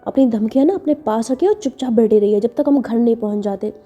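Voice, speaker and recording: A bossy, protective young woman who snaps out orders and scolds anyone who argues, voiced by a woman storyteller. Her voice sits high and sounds mellow and dark in tone. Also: fast talker, dull audio, soft background music, close to an everyday voice. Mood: commanding. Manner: commanding, scolding.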